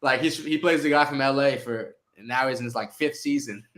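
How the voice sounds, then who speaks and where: A young man on a livestream panel, speaking in a relaxed, slangy way. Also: medium pitch, a little fast. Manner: relaxed, slangy, enthusiastic recommending. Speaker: panel guest. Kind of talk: casual chat. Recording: roomy echo.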